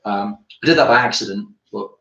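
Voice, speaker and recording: A man's voice: on the low side, fairly quick, pushed and bright, muffled recording. Tired British man rambling in a roomy studio. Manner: rambling, chatty, thinking aloud. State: tired after climbing. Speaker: artist streaming live. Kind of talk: casual live-stream chat while working. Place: art studio. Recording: roomy studio with faint noise.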